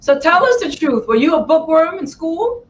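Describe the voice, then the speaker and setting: Hosting a talk show interview, a woman gushes with praise, often calling her audience "my friends" and exclaiming "wow." Her voice is extremely high and sing-song at a moderate pace. The recording is muffled, with slight background noise.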